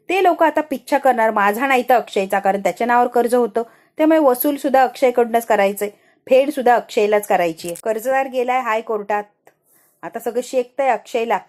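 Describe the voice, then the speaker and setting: A woman's voice: fairly high pitch, close to an everyday voice. A woman voicing a scheming middle-aged father who wails to God and fakes panic. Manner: loud wailing cries to God.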